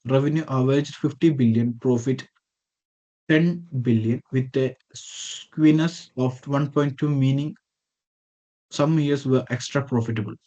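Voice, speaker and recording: A man's voice: medium pitch, fairly even intonation, unhurried, warm tone, highs cut off. A man reading a prepared slide presentation over a video call. He reads from a script with small slips and self-corrections. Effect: heard over a video call.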